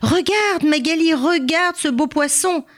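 A woman's voice: fairly low pitch, sing-song, normal speed, husky. Figure: a woman doing a poor, eager father in a storybook. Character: poor jobless father, hopeful then eager.

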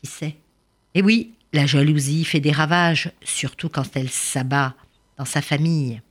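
A woman storyteller reading a folk tale aloud for children in an expressive, animated way. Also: low voice, a little slow, slightly rough.

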